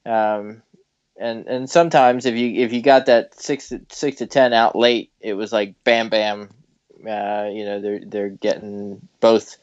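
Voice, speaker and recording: Smooth-voiced man asking a halting question. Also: on the low side, level tone, dry recording, lo-fi sound. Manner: hesitant, many restarts. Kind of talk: casual discussion.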